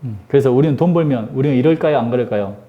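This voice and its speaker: A man's voice: medium pitch, rapid-fire, phone-quality sound. A middle-aged man teaching an English grammar lesson, joking and teasing his students with constant rhetorical questions. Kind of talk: lively classroom lecture.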